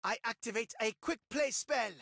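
A man's voice: extremely high pitch, moderate pace, vocal fry, bright, forceful tone, a little hiss or hum, full character voice. A man voicing a gloating, imperious villain duelist in an anime card game, taunting and theatrical. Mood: assertive.

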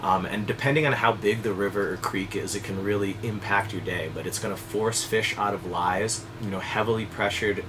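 A man in his thirties, a fly fishing guide, explaining things to camera in a relaxed, conversational way with casual fillers, seated at a desk indoors. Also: fairly low pitch, moderate pace, few pauses, noisy background. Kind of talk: direct-to-camera instructional talk.

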